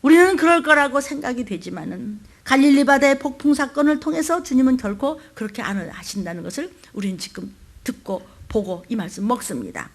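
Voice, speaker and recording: A woman's voice: sits high, expressive, fairly quick. An older woman pastor preaching a sermon. She acts out the voices of scripture and calls on the congregation to respond.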